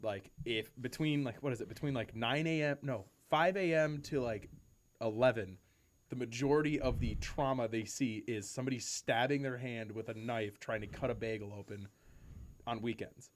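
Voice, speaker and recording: A man co-hosting a podcast from home, telling animated, profane stories and laughing often. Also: mid-range voice, normal speed, slight background noise. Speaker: podcast co-host. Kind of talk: casual chat. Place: home room with cats nearby.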